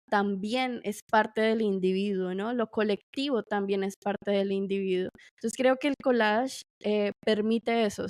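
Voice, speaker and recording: A woman's voice: mid-range voice, no echo, clean studio sound. Woman hosting an interview. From Colombia. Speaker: interviewer and host. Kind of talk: casual interview.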